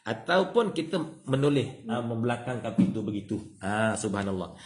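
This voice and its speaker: A man's voice: medium pitch, moderate pace. A man with a Malaysian Malay accent giving an evening religious lecture, acting out little dialogues and tagging lines with "ya" and "ha". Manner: animated, acts out dialogue, many "ya" and "ha" tags. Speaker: religious teacher. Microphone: livestream microphone.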